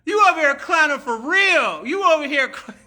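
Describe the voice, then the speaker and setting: A brash woman chatting live with her viewers as a spiritual teacher, swearing and clowning. Her voice is bright and sharp, with a tense edge. She tends to repeat a line several times before moving on. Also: high voice, moderate pace. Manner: profane, joking and animated, repeats phrases, laughs often. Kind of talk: casual livestream talk answering comments.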